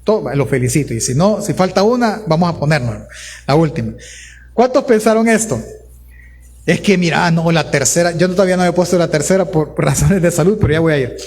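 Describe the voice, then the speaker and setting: Male pastor, Salvadoran accent, high voice, animated sermon delivery that addresses the congregation directly. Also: brisk. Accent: Salvadoran Spanish. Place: church service before a congregation.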